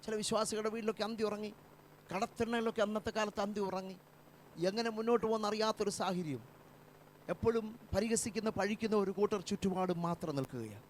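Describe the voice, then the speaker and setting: Pastor, male; fervent repeating sermon delivery, higher voice, light hum. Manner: fervent preaching with repeated phrases. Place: church.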